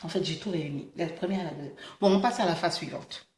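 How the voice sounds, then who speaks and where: This Senegalese beauty vlogger talks fast in a fairly low, slightly mellow voice, her lisp turning each s slushy. She chats to camera casually and emphatically, dropping in English interjections. The room is echoey and indoor-sounding.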